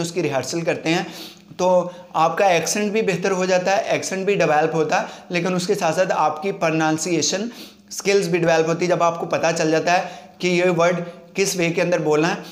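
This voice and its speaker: A man giving a spoken lesson on speaking skills. He mixes English phrases into his talk and slowly repeats words to show how they are said. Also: sits high, roomy sound. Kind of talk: instructional talk to camera.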